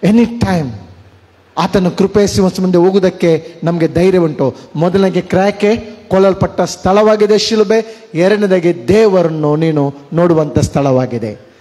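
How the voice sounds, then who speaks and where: A man's voice: sits high, moderate pace, mellow. A man preaching a sermon, mixing in English words and asking his congregation questions. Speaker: pastor. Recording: long hall reverb.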